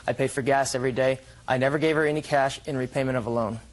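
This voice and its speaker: Young man, courtroom defendant. Brisk speech, plain testimony, some room noise. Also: mid-range voice, fairly even intonation, rough recording.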